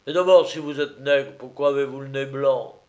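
Pompous loud gendarme for a storybook reading, played by a male narrator. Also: medium pitch, fairly even intonation, normal speed, lightly acted.

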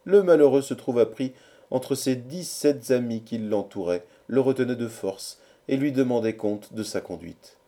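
A man narrating a novel aloud in an expressive, measured storytelling manner. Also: mid-range voice. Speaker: audiobook narrator. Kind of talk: scripted narration.

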